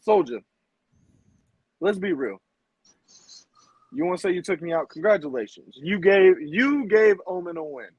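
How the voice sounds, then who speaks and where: A brash man trades wrestling trash talk, his voice sitting high. It is recorded dry and close, with no room sound. He keeps repeating himself and throwing in slang. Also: lively intonation, measured pace, long pauses, slightly rough, dry recording, dull audio. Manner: brash, repeats himself, says bro and y'all. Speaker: indie wrestler, guest.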